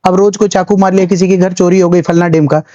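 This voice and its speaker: A man's voice: high-pitched, steady tone, quick pace, warm tone, dull audio. A man teaching history in a chatty lecture, telling little stories and mixing English terms into his talk. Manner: chatty storytelling, acts out little scenes; mixes English terms into speech. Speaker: civil services exam history teacher. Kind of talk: classroom lecture.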